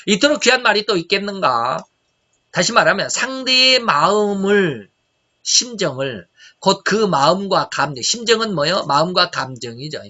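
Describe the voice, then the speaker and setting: Man preaching, high bright voice, rhetorical questions, dull lo-fi sound. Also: big pitch swings, normal speed. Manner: emphatic preaching, rhetorical questions, shifting loudness. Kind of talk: sermon. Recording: dull lo-fi recording.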